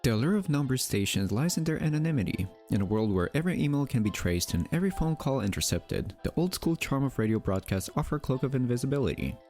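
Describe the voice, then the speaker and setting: Talking fast with few pauses, a man with a medium-pitched, darkish voice and big pitch swings presents a mystery video channel as faint music plays. He delivers scripted, documentary-style narration theatrically, adding playful asides and rhetorical questions.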